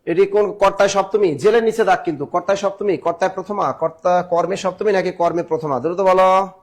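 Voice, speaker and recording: Quick-joking grammar teacher, man. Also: high voice. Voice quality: sings snatches of songs in class. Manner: urges students to answer fast, jokes and complains between questions. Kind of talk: live online exam-prep class.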